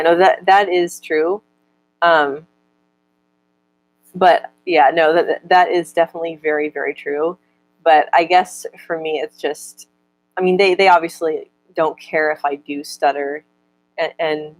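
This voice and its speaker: The young woman's voice sits low, and the recording quality is poor. She answers viewer comments in a casual chat, slowing down when reading them aloud and frequently stuttering, with repeated words and syllables broken off.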